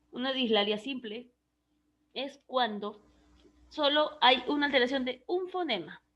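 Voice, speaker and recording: High-voiced woman teaching a class. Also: fairly bright tone, muffled recording. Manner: explanatory, checks understanding with frequent "¿ya?". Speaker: speech therapy teacher. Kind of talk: online class lecture.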